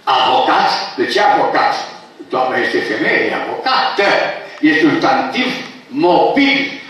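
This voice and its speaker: A man's voice: high-pitched, sharp tone. An older man giving a lecture at a book launch. He corrects word usage in a pedantic way and bursts out with emphatic objections. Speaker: professor presenting his books. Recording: very echoey hall, speaker far from mic.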